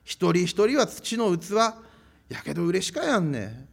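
A pastor voicing an earnest ancient apostle in Fukuoka dialect, giving folksy, heartfelt exhortation to a church. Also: male voice, high voice, big pitch swings, unhurried, gravelly, breathy edge, full character voice. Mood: exhorting. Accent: Fukuoka dialect (Hakata and Chikugo).

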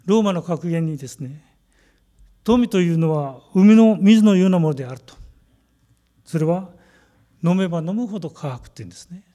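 A man giving a sermon as a pastor, measured and emphatic, stretching out key phrases. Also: fairly high pitch, mellow. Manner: measured, emphatic preaching with slow stressed phrases.

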